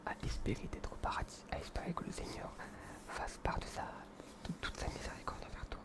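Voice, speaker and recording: A young man whispering in a hushed, breathy library whisper as he presents books in an informal, earnest, hesitant ASMR style. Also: fairly quick.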